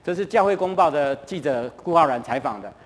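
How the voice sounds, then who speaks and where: A middle-aged man with a Taiwanese Mandarin accent tells stories to a church audience in a chatty way, often turning to ask them questions. His voice sits high for a man. The sound rings on with a long reverb from the church hall. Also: lively intonation, brisk. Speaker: guest lecturer at a church. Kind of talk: lively storytelling talk to a live audience.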